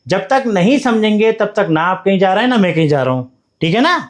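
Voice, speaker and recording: A man's voice: sits high, animated, fairly quick. A man teaching beginners at a board, coaxing them along by asking questions and answering them himself. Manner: coaxing, repeats questions back to the class. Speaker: English teacher. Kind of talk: whiteboard lesson for beginners.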